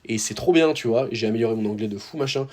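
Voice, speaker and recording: A young man from France chats straight to his viewers in a loose, slangy way, full of fillers and restarts. His voice sits at an ordinary mid pitch. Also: quick pace, darkish tone. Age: young adult. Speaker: tennis YouTuber. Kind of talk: casual storytelling to viewers.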